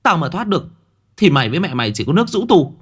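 A furious captive young woman hurls shrill accusations, as a man voices her. She pitches high and loud above the narrator's usual register in this audio ghost story. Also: sing-song, rapid-fire, slightly rough, exaggerated voice. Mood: defiant.

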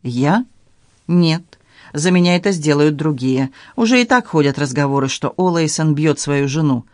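Storybook role: man doing an icy, scheming woman, low and menacing, slightly high voice, dry close sound. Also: animated, moderate pace, no echo, close to an everyday voice. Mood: cold, commanding. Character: cold, ruthless woman, commanding and calculating.

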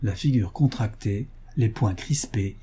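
Man, audiobook narrator, measured, dark timbre, husky. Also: on the low side. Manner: measured, literary. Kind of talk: scripted narration.

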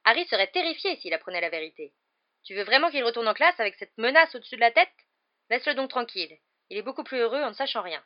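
A woman's voice: on the high side, big pitch swings, quick pace, voice pushed up. A woman voicing a stern, scolding middle-aged mother in a storybook reading, with a slightly dull recording. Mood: worried, insistent. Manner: sharp, scolding.

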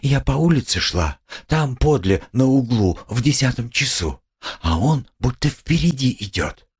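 A man's voice: medium pitch, lively intonation, unhurried, slightly rough, voice pushed up, exaggerated voice. A man voicing a timid, pious poor young woman who pleads in a trembling, tearful way. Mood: shy. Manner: trembling, tearful, eager to defend.

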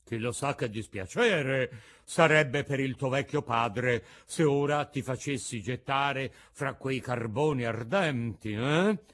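A man voicing a bearded male puppet master who blusters loudly, gruff on the surface but softhearted, with explosive sneezes. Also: mid-range voice, slow pace. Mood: blustering gruff.

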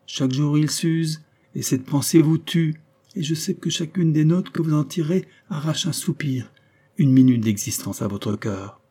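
A man reading the lines of an aging count and general, speaking higher and louder than his narration. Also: moderate pace, husky. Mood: pleading. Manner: raises voice above the narration, earnest.

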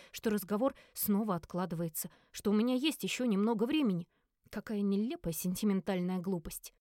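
A woman narrating a first-person audiobook in a lively acted reading, briefly giving each character a voice. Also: on the high side, dry recording, clean studio sound.

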